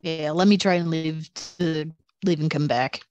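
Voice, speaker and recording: A woman's voice: low-pitched, fairly even intonation, unhurried, a little mellow, lo-fi sound, a little hiss or hum. A woman chatting casually as a tabletop game player, talking hesitantly with many fillers, her voice coming through a glitchy online group voice chat that cuts in and out. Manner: hesitant, lots of um and uh. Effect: glitchy online group voice chat, cutting in and out.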